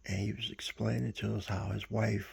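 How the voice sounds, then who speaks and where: Male vlogger, low, gravelly voice; loose, rambling storyteller who stumbles and restarts. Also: level tone, a little mellow. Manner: rambling, halting, full of fillers and self-corrections. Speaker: vlogger recounting a dream. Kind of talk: casual storytelling.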